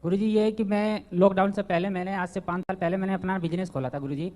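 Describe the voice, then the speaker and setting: Halting, deferential man in his thirties. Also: high-pitched, fairly even intonation, darkish tone. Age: 30s. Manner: deferential, halting, keeps saying guruji. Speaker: devotee asking a question. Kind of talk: personal question to a spiritual teacher.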